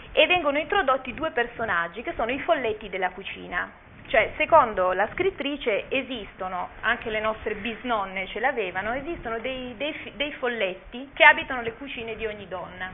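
A woman giving an informal talk about a children's story, speaking hesitantly with many pauses and restarts. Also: fairly high pitch, lively intonation. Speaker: speaker presenting a children's book. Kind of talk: informal talk with read-aloud passages. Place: talk at a cultural gathering. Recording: tinny phone-like lo-fi audio, faint hiss.

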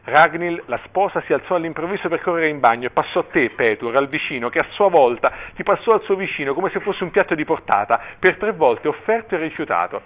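Uomo che legge un romanzo, audio telefonico. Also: male voice, on the high side, a little fast, hardly any pauses. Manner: expressive reading with brief asides. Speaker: reader at a cultural event. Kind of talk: reading a novel excerpt aloud. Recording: tinny phone-like line.

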